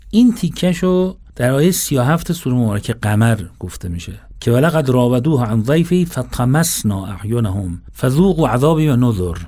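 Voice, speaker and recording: A man delivering a religious sermon, moving between recited verses and casual, conversational explanation to listeners. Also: fairly high pitch. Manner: animated, shifts between recitation and conversational address. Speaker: religious lecturer. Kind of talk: Quranic sermon with colloquial asides.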